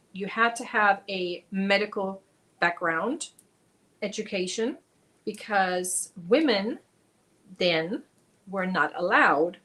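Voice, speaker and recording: A woman from Germany with a mid-range, fairly bright voice hosts a laid-back crochet livestream. Chatty as she works, she reads viewers' comments aloud and mutters while counting her stitches.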